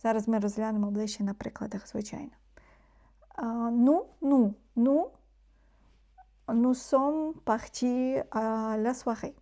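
Mellow-voiced woman teaching French. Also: on the high side. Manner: explains slowly, repeating French words, often dropping to a soft murmur. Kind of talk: language lesson.

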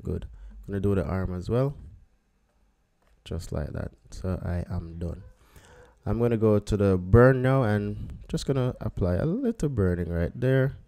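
In this screen-recorded tutorial, a man who teaches photo editing as a photographer talks in a low, mellow voice. He works through the edit at an easy pace, musing out loud with each click.

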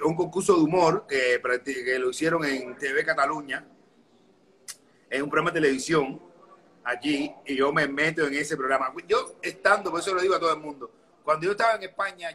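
A Cuban man with a Cuban accent, a comedian telling stories in a lively, playful way. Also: on the high side, fairly quick, rough recording. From Cuba. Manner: lively, playful, mimics other voices. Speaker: comedian guest. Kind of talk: animated comic storytelling.

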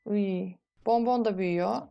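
A woman's voice: mid-range voice, moderate pace, creaky, highs cut off, faint music behind. A young woman casually commenting on her life-sim gameplay, chatting and scolding the characters on screen. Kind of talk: casual let's-play commentary.

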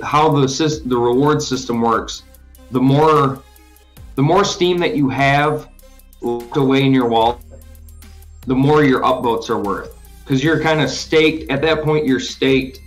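A man co-hosting a podcast, explaining things in a rambling casual way with lots of fillers and restarts. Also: mid-range voice. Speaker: podcast co-host explaining crypto. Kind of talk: casual chat.

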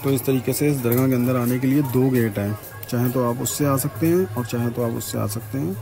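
A man's voice: medium pitch, fairly quick, vocal fry, music in the background. Young man vlogging in a crowded shrine. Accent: Farrukhabad Hindi. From India. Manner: chatty, points things out to viewers. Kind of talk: casual walking tour vlog. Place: crowded decorated shrine courtyard at night. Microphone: handheld phone camera.

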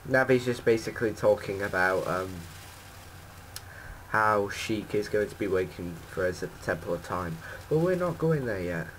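A man's voice: lowish voice, lively intonation, moderate pace, a bit bright, slight background noise, low-quality recording. A man giving casual gameplay commentary as a let's play host, rambling and correcting himself with many ums.

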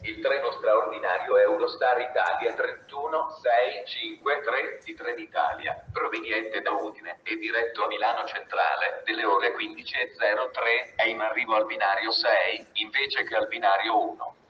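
A man making a flat, formal station announcement in a scripted, segmented delivery. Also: on the low side, normal speed, hardly any pauses. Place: over a railway station PA. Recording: echoey, dull, noisy station loudspeaker.

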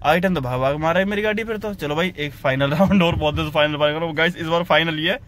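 A young man, an excitable car vlogger commentating a roadside drag race, repeating himself and calling everyone brother. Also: a little high, fast. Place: outdoors on a road beside cars. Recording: outdoor recording with loud car and road noise. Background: car engines and street noise.

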